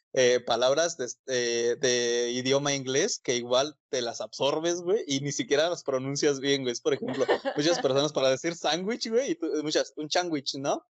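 A man's voice: medium pitch, dry recording. A man with a Mexican accent co-hosting a casual podcast chat, full of slang like "güey". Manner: slangy, peppers speech with "güey".

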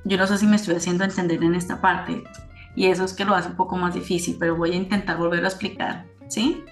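A woman's voice: fairly low pitch, flat delivery, quick pace, soft background music. A woman giving a spiritual teaching in a casual way, working through her thoughts and often checking in with tag questions. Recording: roomy echoey sound.

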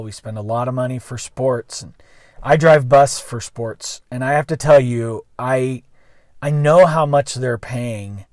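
A man's voice: medium pitch, a little mellow, no room sound, clean studio sound. A man, a school bus driver, telling a story in a casual, rambling monologue full of restarts and self-corrections.

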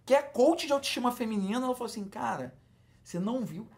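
A man's voice: very high voice, lively intonation, fast talker, darkish tone. A man with a Brazilian Portuguese accent, a guest in a casual podcast chat who acts out quoted lines.

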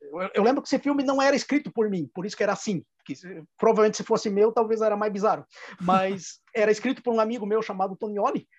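In a relaxed interview, a male filmmaker from Rio Grande do Sul rambles through stories, often restarting and laughing. He talks fast in a high-pitched voice, and the dry recording has its highs cut off.

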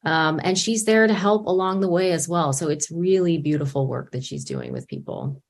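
A woman with a low, calm voice speaks in an interview. She talks earnestly about the work being done with clients. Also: normal speed, creaky.

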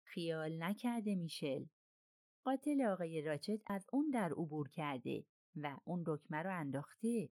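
A woman's voice: deep voice, expressive, darkish tone, dry recording. A woman reading a grave male railway director. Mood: pressing. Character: firm, earnest male railway company director.

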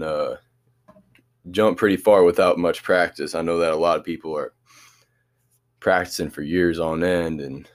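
Teen male athlete, very low voice, laid-back and halting in interviews. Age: teenager. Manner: easygoing, hesitant with many restarts. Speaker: student athlete. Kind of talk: casual interview answers.

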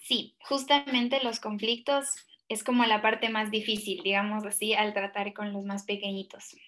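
A woman speaking as a guest, explaining her points step by step in a measured way. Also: mid-range voice, little pitch movement, a bit bright. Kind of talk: explanatory talk.

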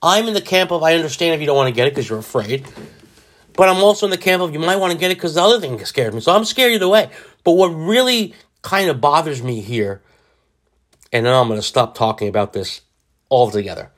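Male solo podcast host, forties, slightly high voice, loose rambling jokey delivery that mocks himself. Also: expressive, fast talker, a bit bright. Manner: rambling, self-mocking and jokey.

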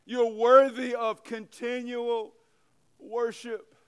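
A man's voice: very high-pitched, little pitch movement, takes it slowly, smooth. A man preaching a sermon at a church service, emphatic and repetitive as he addresses the congregation. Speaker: pastor.

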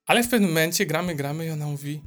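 Animated, swearing man in casual chat. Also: fairly high pitch, racing, faint music behind. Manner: animated storyteller, swears freely, many fillers. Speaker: podcast co-host.

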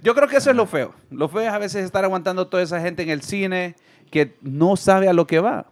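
A young man, co-hosting a casual group podcast with animated, joking rants. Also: sits high, a little fast. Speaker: podcast co-host.

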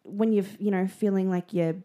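A woman co-hosting a casual podcast chat, talking in an animated, chatty, sassy way with casual swearing. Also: medium pitch, normal speed. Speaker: podcast co-host.

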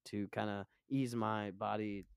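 A deep, low male voice with a relaxed stoner drawl, speaking candidly about himself in conversation. The sound is close and dry, like an informal interview. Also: unhurried, gravelly, clean tone, no echo. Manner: laid-back stoner drawl. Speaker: interview guest.

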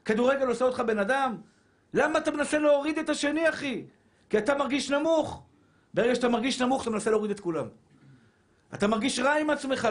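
A man preaching a Torah sermon as a rabbi, fervent and shouting, repeating phrases for emphasis and calling listeners his brothers. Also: very high voice. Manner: addresses listeners as brothers and dear souls.

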